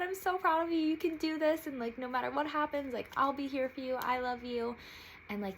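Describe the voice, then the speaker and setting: Young woman vlogger, lower register, rambling candid storytelling, light room noise. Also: rough recording. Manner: chatty, filler-heavy, emotional, many "like"s; raises voice high when quoting others. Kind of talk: personal storytelling vlog.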